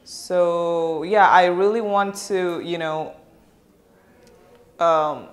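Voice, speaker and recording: A woman from Indonesia answering interview questions after a workshop, hesitant and full of fillers. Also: fairly low pitch. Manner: halting, many fillers. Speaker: workshop participant.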